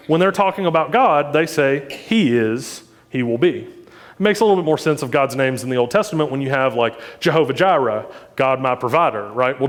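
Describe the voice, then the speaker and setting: A man's voice: fairly high pitch, in a large hall. A man preaching a sermon in a conversational way, with joking asides and frequent questions to the congregation. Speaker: pastor.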